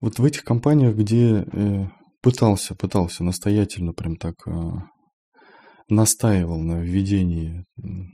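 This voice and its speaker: A man's voice: deep voice, unhurried, dark tone. A man, an IT developer, talking through his work experience in a plain-spoken monologue, thinking aloud. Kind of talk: casual monologue.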